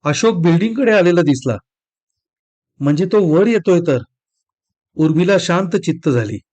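A man reads a short story aloud as an expressive audiobook narration. His voice sits high for a man, and he carries the scenes with steady storytelling. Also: normal speed. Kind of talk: scripted narration.

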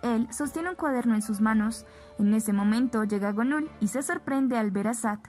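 A woman narrating a recap of a soap opera episode, reading the characters' lines flatly within her retelling. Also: fairly high pitch, moderate pace. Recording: background music bed.

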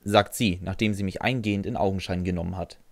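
A man's voice: low voice, steady tone, fast talker, no room sound. A man narrating a first-person fan audio drama in a dry, sardonic way, answering with hesitant "äh"s.

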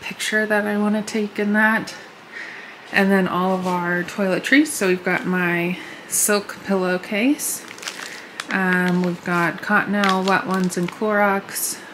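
Slow-talking woman in a home packing vlog. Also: mid-range voice, steady tone, background noise. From United States. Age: 30s. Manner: chatty, lists items as she shows them. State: congested after a flu, short of breath. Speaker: vlogger. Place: home living room, indoors.

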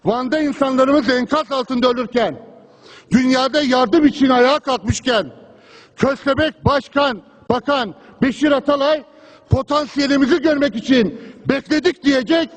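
A man's voice: extremely high pitch, moderate pace. A man in parliament gives an impassioned political speech at a rostrum microphone, hammering a repeated refrain. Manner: impassioned oratory with a repeated refrain, pressing on through interruptions. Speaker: member of parliament giving a speech. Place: parliament chamber, speaking from the rostrum. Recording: long hall reverb from a large chamber.

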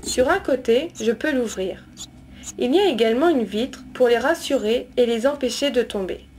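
A woman's voice: on the high side, darkish tone, a little hiss or hum. A woman reading scripted nature documentary narration in an explanatory way, as the narrator. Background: music.

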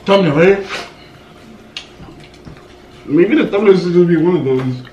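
A man's voice: sits high, animated, measured pace, darkish tone, muffled recording. Teasing young man, far from the mic. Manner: teasing, laughing banter. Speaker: YouTuber. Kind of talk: casual chat. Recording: echoey room, far from mic, noisy.

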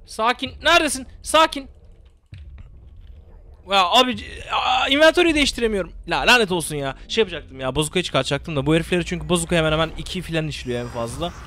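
A young man giving casual, excitable gameplay commentary, swearing and repeating words rapidly. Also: a little high.

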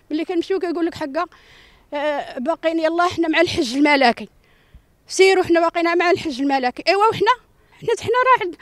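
An older woman with a Moroccan accent speaks at an extremely high pitch, pleading over and over in distress. She is being interviewed in an outdoor yard strewn with rubble, talking into a reporter's handheld microphone, and there is no room sound.

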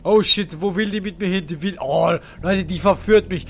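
A man's voice: high-pitched, normal speed, creaky, soft background music. A man with an Austrian accent giving joking, swearing gameplay commentary, yelping in fright at the action. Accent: Austrian German. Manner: excitable, joking, swearing, yelping when scared. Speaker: let's play host.

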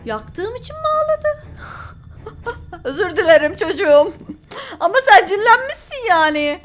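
A woman's voice: very high voice, big pitch swings, unhurried, over music. A woman hosting a gaming channel, giving jumpy, frightened commentary on a horror game and reading its notes aloud to viewers.

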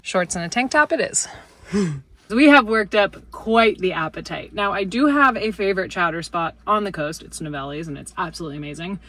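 A woman's voice: lowish voice, lively intonation, brisk, fairly bright tone. A woman in her thirties, a travel vlogger chatting casually on camera and talking to her dog, filmed at arm's length outdoors and in a camper van. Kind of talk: casual vlog narration.

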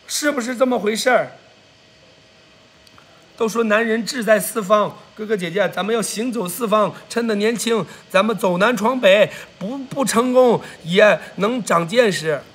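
A man from Inner Mongolia, hoarse from a cold, excitedly thanking viewers for gifts on a livestream. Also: high voice, moderate pace. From Tongliao, Inner Mongolia. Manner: excitable, repeats exclamations, shouts thanks. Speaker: livestream host. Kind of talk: livestream gift-thanking chat.

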